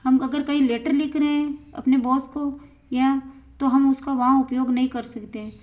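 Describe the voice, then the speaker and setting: A woman teaching English grammar to learners, explaining step by step and saying each English example slowly and deliberately. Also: high-pitched, fairly even intonation. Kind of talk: spoken English lesson for learners. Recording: tinny phone-like sound.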